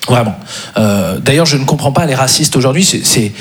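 A man doing stand-up with a hesitant, halting delivery. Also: mid-range voice, lively intonation. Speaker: comedian. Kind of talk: stand-up comedy set.

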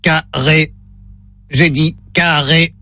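A man putting on a mock robot voice as a phone test machine during a prank call, with slow, flat mechanical delivery. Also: a little high, no room sound, pitched below the performer's own voice, exaggerated voice. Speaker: prank caller.

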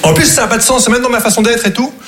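On a live comedy stage, with a laughing crowd roaring loudly, a stand-up comedian from Morocco whose first language is Arabic pokes fun at himself in a conversational monologue. He speaks fast in a very high, throaty, muffled voice with posh, old-fashioned diction, and the recording is very noisy.

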